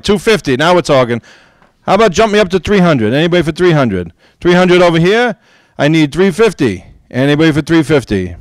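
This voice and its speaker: High, smooth-voiced man calling auction bids. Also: no room sound. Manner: upbeat, coaxing, rapid-fire bid calls. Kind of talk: live auction bid calling. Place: gaming convention event.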